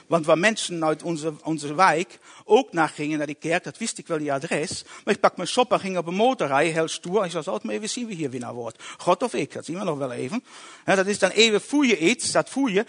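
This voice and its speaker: Husky man with a lively, high voice. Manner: emotional, halting storytelling with restarts. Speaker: testimony speaker. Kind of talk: personal conversion testimony.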